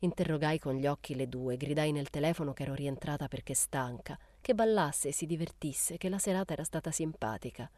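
A woman narrating a literary audiobook in a measured, unhurried way. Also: deep voice, darkish tone, no echo. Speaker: audiobook reader.

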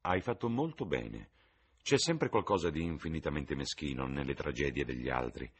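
A man reading an audiobook, voicing a worldly, cynical gentleman with a low, dryly ironic drawl. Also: animated, moderate pace, breathy edge, exaggerated voice. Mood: sardonic. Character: worldly older gentleman, languid, cynical, amused.

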